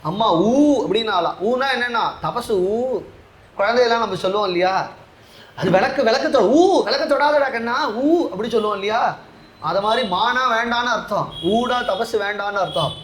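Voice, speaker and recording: A man with a very high voice gives an animated devotional discourse. He asks many rhetorical questions and slows down to chant Sanskrit verses. His voice carries a roomy echo. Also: slight background noise. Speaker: religious discourse speaker.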